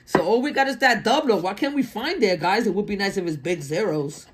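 A woman's voice: mid-range voice, brisk, noisy background. A woman hosting casual scratch-card play-along commentary, calling out numbers in short phrases. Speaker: host of a lottery scratch-off channel.

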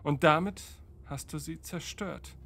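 A man voicing a bitter, vengeful godlike entity in a low, hushed half-whisper. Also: unhurried, creaky, full character voice. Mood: cold hushed.

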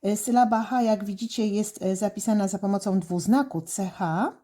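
A woman teaching children handwriting, explaining each stroke slowly and calmly, with frequent hesitation fillers. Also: mid-range voice. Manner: calm, deliberate, many "e" fillers. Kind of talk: slow step-by-step instruction.

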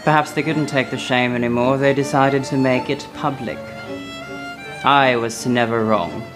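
A man's voice: medium pitch, steady tone, music in the background, close to an everyday voice. Man putting on a haughty, theatrical gossip lady. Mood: haughty disdain. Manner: pompous, disdainful, drawn-out delivery.

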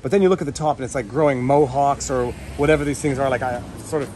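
A man's voice: mid-range voice, fast talker, a little mellow, a little hiss or hum. A man in his thirties casually vlogging a family camping trip outdoors, talking wryly into a handheld camera at arm's length. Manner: playful, wry, chatty with his kids. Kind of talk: casual family travel vlog. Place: outdoors at a campsite and roadside.

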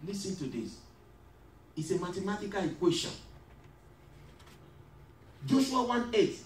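High-voiced pastor man preaching, call and response, roomy church sound from a distance. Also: sing-song, measured pace, slight background noise. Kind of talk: sermon. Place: church hall. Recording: echoey hall, mic far off.

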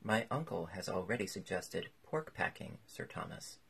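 A man's voice: sits low, lively intonation, normal speed, vocal fry, a bit bright, breathy edge, full character voice. A man doing a dry, cynical young lord. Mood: sardonic. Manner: dry, languid, sardonic.

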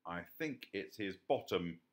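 A man voicing a calm, wise male badger in a storybook, speaking slowly and deliberately in a hushed way. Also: low-pitched. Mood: confiding. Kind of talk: storybook character reading.

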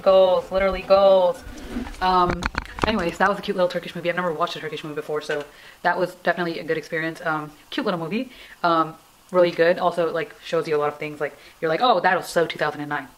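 A woman's voice: fairly low pitch, flat delivery, fast talker, slight background noise, low-quality recording. A young woman vlogger chatting casually at home, rambling and self-deprecating, with a melodramatic, pleading way of talking. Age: young adult. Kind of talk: casual chatty challenge vlog. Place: indoors in a room at home.

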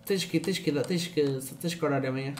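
Young Portuguese streamer, swearing and teasing. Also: male voice, on the high side, fairly quick, slight background noise. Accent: European Portuguese. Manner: swears a lot, teasing and loose, often laughing. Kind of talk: casual gaming stream chat.

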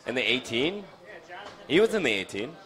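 A young man hosting a casual soccer post-game chat in a bar, talking with lots of restarts and jumps in pitch. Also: sing-song, normal speed, fairly bright tone. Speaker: soccer show host. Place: dim bar. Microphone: studio mic on stand with foam cover, headphones.

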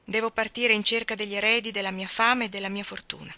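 A woman's voice: mid-range voice, fairly even intonation, fast, sharp tone, dry recording, voice pushed up, natural voice. A woman voicing a weary, theatrical grown man who murmurs with grand courtesy, in a storybook reading. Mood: wistful.

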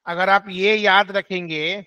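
A man teaching an online class, switching between Hindi and English and repeating key rules slowly for students to note down. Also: high voice, fairly even intonation, pushed and bright, smooth, muffled recording.

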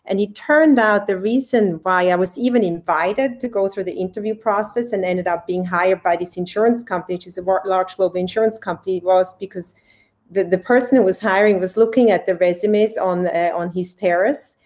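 A woman in her forties from Switzerland speaking on a video call from home, telling stories in a lively way with many fillers and restarts. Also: medium pitch, fairly quick. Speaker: panelist. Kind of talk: panel talk on a video call. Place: home room indoors. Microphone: webcam at desk distance.

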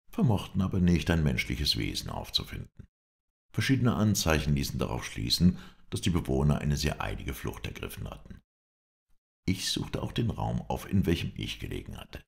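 A man reading a classic adventure novel aloud as an audiobook narrator, in a measured storytelling manner that lifts his voice for the dialogue. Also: extremely low pitch, vocal fry.

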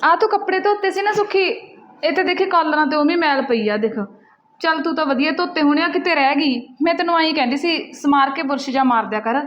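Voicing a bossy elder sister in a short film, a woman plays a young wife who scolds and nags in a quick, high voice. The recording is slightly dull and lo-fi, with a faint hiss. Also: fairly bright tone. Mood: nagging. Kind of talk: Punjabi short film acting.

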